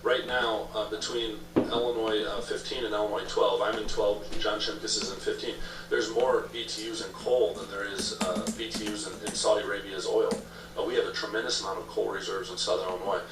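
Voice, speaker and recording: A man with a fairly low voice talks quickly, like a candidate in a political interview. He makes his points emphatically with repeated phrasing, heard from a distance in a roomy space. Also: flat delivery. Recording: echoey room, distant mic, noisy background.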